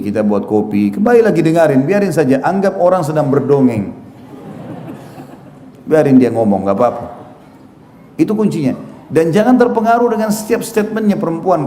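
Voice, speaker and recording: A man giving a religious lecture on a microphone, moving from recited scripture into joking, lively stories with quoted voices. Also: mid-range voice. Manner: humorous, animated storytelling with quoted voices. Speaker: preacher. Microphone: handheld or stand mic. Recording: echoey hall with faint noise.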